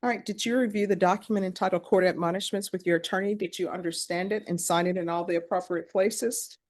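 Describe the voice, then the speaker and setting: A woman judge presiding in a courtroom, running through formal legal admonishments in a brisk, practiced way. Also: lowish voice, steady tone, a little mellow. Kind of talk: courtroom proceedings.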